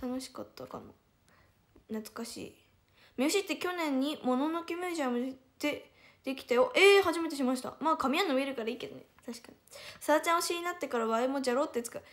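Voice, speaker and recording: A woman's voice: high-pitched, fast talker. A young woman with a Hiroshima accent chatting casually on a livestream. She giggles often and answers viewers' comments one by one. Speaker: idol livestreamer.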